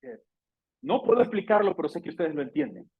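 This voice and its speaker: A man's voice: a little fast, vocal fry, slightly rough, narrow, tinny audio. A male pastor with a Salvadoran Spanish accent preaching a fervent, emotional sermon in a church, acting out quotes with sudden exclamations. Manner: animated, acts out scripture quotes with sudden high-pitched exclamations.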